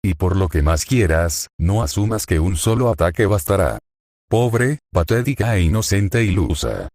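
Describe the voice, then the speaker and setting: Angry, cursing young woman giving orders, read by a man; low, dry voice. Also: expressive, moderate pace, a little mellow, dry recording. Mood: furious. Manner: harsh, cursing commands.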